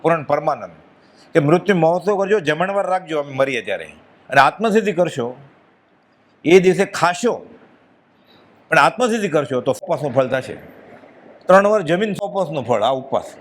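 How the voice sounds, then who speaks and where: Speaking with a Gujarati accent, a man gives an earnest, emphatic devotional talk in a slightly high voice, and he drops his voice when quoting others.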